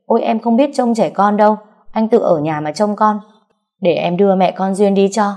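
A woman's voice: mid-range voice, normal speed, dark tone, pitched above the performer's own voice, lightly acted. A woman voicing a young man who whines in protest in an audiobook story. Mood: whining. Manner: whiny, pleading.

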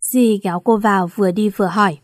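A woman narrating a romance audiobook in an emotive storytelling manner. Her voice sits at a middle pitch. The sound is dry and close. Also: fairly even intonation, fast, no echo.

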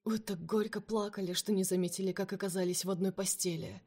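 A woman's voice: medium pitch, fairly even intonation, fast, darkish tone, slightly rough, lightly acted. A woman voicing a cold, jealous, menacing man. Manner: cold, cutting, at times hissed.

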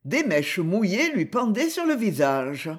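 A woman narrating an audiobook in a measured, expressive reading style. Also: mid-range voice, slightly rough.

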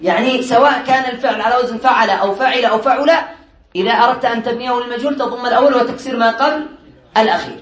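A man teaching a classroom lesson on Arabic morphology to students, drilling word patterns by repetition, quizzing them with quick questions he answers himself, and joking lightly. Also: extremely high pitch, steady tone, a bit bright, echoey room. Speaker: Islamic studies teacher.

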